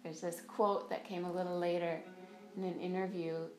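A woman's voice: lowish voice, flat delivery, normal speed, a little mellow. Woman leading yoga in an echoey room. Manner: directive step-by-step cueing with breath counts. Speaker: yoga teacher. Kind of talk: guided yoga class instruction. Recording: roomy echo, faint music behind.

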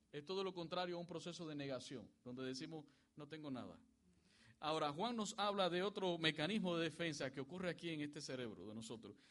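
A man preaching a sermon with a somewhat high voice. He speaks in a preacher's cadence and calls on the congregation to repeat words. His voice climbs in pitch and volume when he reads scripture aloud. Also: fairly bright tone. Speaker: pastor.

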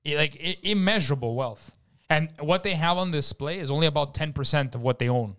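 A man's voice: a little high, brisk, a bit bright. A man in casual, opinionated chat, telling things emphatically with slang and repetition. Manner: emphatic storyteller, repeats himself, slangy.

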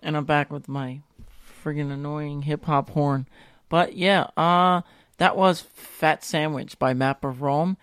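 A man's voice: a little high, steady tone, slow, fairly bright tone. A young man hosting a casual live internet radio show from home, talking in a loose, joking, profane and rambling way.

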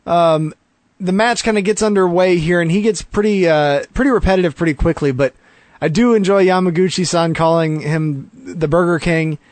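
A man's voice: sits high, normal speed, no echo. A man co-hosting a podcast, recapping a wrestling show in a chatty way with easy laughter and many fillers. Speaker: podcast co-host.

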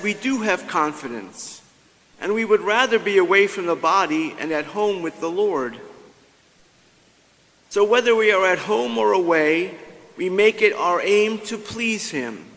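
High, slow male lector in cathedral echo. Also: a bit bright. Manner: measured, solemn delivery. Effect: long cathedral-like church reverb. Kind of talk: slow liturgical scripture reading. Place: large church. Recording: long church hall reverb.

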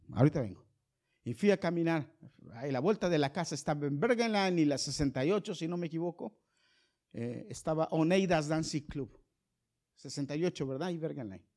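A middle-aged male pastor preaching a sermon, shifting from loud calls to the congregation to soft, low storytelling.

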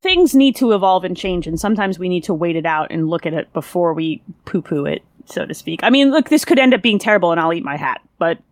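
A woman co-hosting a casual podcast chat, upbeat and quick to agree as she thinks aloud. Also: on the low side, expressive, dry recording, clean studio sound. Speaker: podcast co-host.

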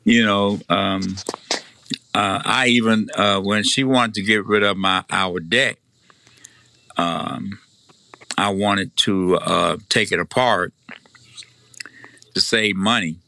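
A man's voice: lowish voice, steady tone, slow pace, creaky, long pauses, pushed and bright, clean tone. An older man with a Tennessee Southern accent, chatting casually in hesitant, folksy phrasing. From Tennessee, United States. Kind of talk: casual chat.

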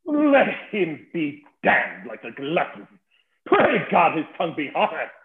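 Guy doing a slow swaggering old knight, voice swoops up and down, tinny echoey sound. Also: fairly high pitch, wildly swooping pitch. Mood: indignant. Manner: blustering, mocking, savoring insults. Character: old boastful fat knight, witty and scornful. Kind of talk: theatrical verse-play reading.

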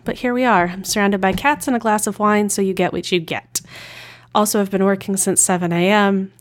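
A woman with a middle-pitched voice narrates a podcast intro alone. She is chatty and informal, talking like a co-host who pokes fun at herself. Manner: chatty, informal, self-deprecating.

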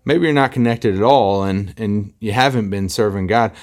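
A man's voice: on the low side, moderate pace. A man in his thirties preaching a sermon as a pastor, earnestly acting out quoted voices.

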